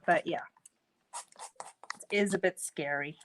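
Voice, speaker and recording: A woman co-hosting a casual chat, relaxed and laughing often as she tells a story. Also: lowish voice, a little slow, noisy background. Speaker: co-host.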